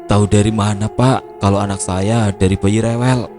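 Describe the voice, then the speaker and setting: A man's voice: on the low side, steady tone, normal speed, natural voice. A man voicing a curious young mother who asks questions directly. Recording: music playing behind.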